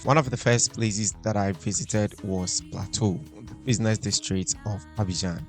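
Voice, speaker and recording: A man's voice: lowish voice, moderate pace. A man with a Ghanaian accent giving scripted travel narration as a vlogger. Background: faint music.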